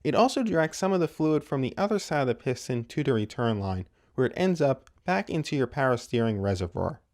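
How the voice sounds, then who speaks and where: A man's voice: mid-range voice, sing-song, fairly quick, a little mellow. A man hosting a car teardown channel, narrating a technical explainer with dry, self-mocking humor.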